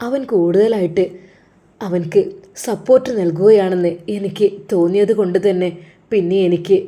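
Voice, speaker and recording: A woman's voice: mid-range voice, mellow, natural voice. A woman voicing a distressed young wife who tells her story in a troubled, indignant first-person voice.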